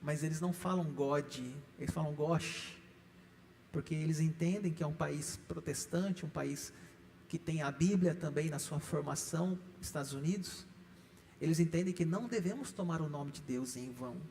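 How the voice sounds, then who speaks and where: High-voiced Brazilian pastor preaching. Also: male voice, moderate pace, darkish tone. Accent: Brazilian Portuguese. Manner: emphatic preaching with rising repeated lists. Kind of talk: sermon teaching. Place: church hall. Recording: echoey church hall.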